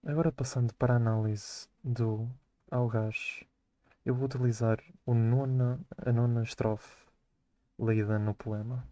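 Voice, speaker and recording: Flat-voiced teen boy reading poetry. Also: medium pitch, unhurried. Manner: flat, careful reading with hesitant restarts. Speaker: student presenting a poem. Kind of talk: poetry reading and school analysis.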